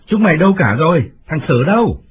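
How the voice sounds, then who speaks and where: A man's voice: on the low side, huge pitch swings, brisk, slightly rough, exaggerated voice. A man doing a curt self-important village official. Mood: alarmed. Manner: curt, dismissive. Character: wealthy middle-aged village official, evasive and self-important. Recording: tinny phone-like sound, faint music.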